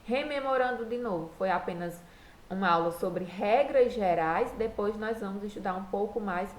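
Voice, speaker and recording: A woman's voice: medium pitch, normal speed, slight background noise. A woman teaching a recorded lesson, patiently walking through each rule step by step. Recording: echoey room.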